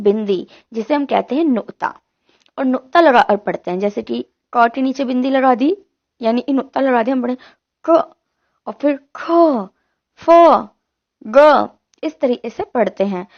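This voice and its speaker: A woman's voice: fairly high pitch, lo-fi sound. A woman teaching an online lesson, explaining step by step and asking and answering her own questions.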